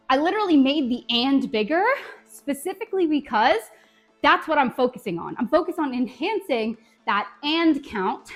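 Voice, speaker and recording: A woman's voice: high voice, fairly bright tone. A woman teaching a dance tutorial in an upbeat coaching manner, counting beats aloud. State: out of breath at times. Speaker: dance instructor.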